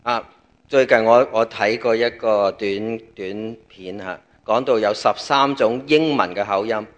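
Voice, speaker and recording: A preacher with a Cantonese accent gives a sermon in a fairly low voice at a measured pace, the audio's highs cut off. He speaks conversationally in short phrases, leaving gaps for an interpreter.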